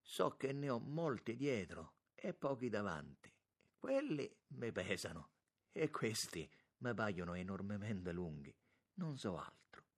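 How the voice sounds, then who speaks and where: A resigned old country priest murmurs with a sigh, voiced by a male reader. His voice sits low and husky. He sounds worn and quietly humble. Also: sing-song, unhurried, exaggerated voice. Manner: sighing, subdued.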